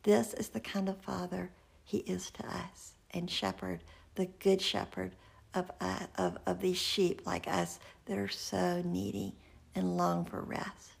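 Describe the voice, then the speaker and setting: Gravelly, husky-voiced woman preaching. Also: on the low side, little pitch movement. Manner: earnest, slows and drops to a whisper for emphasis. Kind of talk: sermon with personal storytelling.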